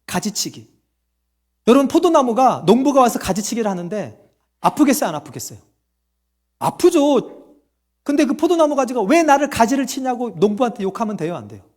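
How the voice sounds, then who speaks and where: A man's voice: very high voice, sing-song, a little fast, pauses often, darkish tone. A man preaching a sermon as pastor, asking the congregation questions and answering them himself, and acting out quoted voices.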